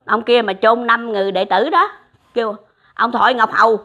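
Speaking a little high and at a moderate pace, an older woman with a bright, forceful voice recounts her religious experiences in a relaxed storytelling style. She acts out conversations and addresses the listener warmly. The audio sounds muffled and low-fidelity.

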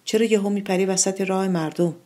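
A woman's voice: mid-range voice, fairly even intonation, dark tone, voice pushed up, lightly acted. A woman voicing a cross old woman on the street who scolds sharply.

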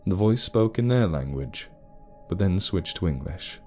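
A man narrates a scripted story in a low, measured voice. His tone is dark and mellow and his intonation moves expressively. Quiet music plays behind him. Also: lively intonation.

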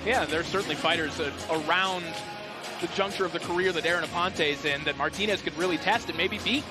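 A man's voice: fairly high pitch, brisk. A man giving live play-by-play boxing commentary in a polished, descriptive broadcast style. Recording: loud music and crowd behind voice. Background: arena crowd and music.

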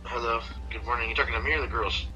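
A man talks fast, his very bright, edgy voice coming thinly out of a phone speaker. He sounds teasing and a little defensive in casual chat. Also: medium pitch, fairly even intonation, highs cut off. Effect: heard through a phone speaker. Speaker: husband on a video or phone call.

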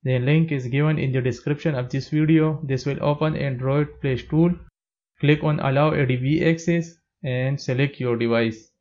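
A man narrating a step-by-step tech tutorial as a plain, steady voice-over. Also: medium pitch, moderate pace, muffled recording.

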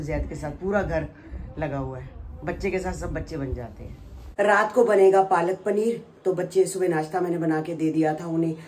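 A woman's voice: low-pitched, a little mellow, a little hiss or hum. A middle-aged woman chatting casually to camera in a family home vlog. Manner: chatty, switches to playful baby talk with the grandchild. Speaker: family vlogger.

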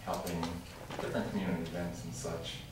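A man making a halting public comment to a city council, full of fillers and restarts. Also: low-pitched, flat delivery. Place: large council chamber with tall windows. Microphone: room mic from far off. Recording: echoey chamber recorded from far off with noise.

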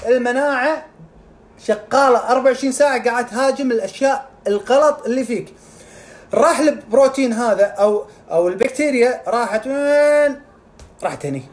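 A man explains health topics in a lively, casual way and speaks at a brisk clip. He acts out little scenes with sound effects as he goes. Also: very high voice. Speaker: integrative medicine specialist.

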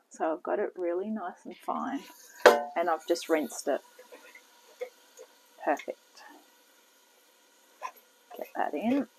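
A woman giving a relaxed, step-by-step cooking demonstration in her home kitchen, talking toward a camera on the counter. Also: on the low side. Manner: slow, relaxed step-by-step instructions with frequent "okay". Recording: noisy home video with kitchen clatter.

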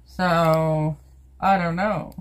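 A woman's voice: lowish voice, fairly even intonation, very slow. An older woman from Canada talking casually into her phone while filming, chatting to her cat and her viewers. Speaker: vlogger. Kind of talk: casual everyday vlog. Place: home indoors, then outdoors in snow and in a vehicle. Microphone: handheld phone.

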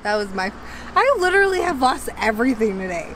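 A young woman on a river fishing trip, talking in a playful, excitable way with plenty of cursing, recorded by an action camera on a boat. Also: fairly high pitch, a little fast. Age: young adult. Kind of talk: casual chat. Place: small boat on a river outdoors. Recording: very noisy outdoor camera audio.

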